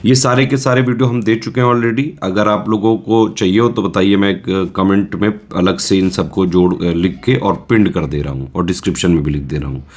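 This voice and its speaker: A man's voice: low-pitched, fairly even intonation, a little fast, hardly any pauses. A man coaching exam students in a casual, reassuring lecture, often checking in with his listeners.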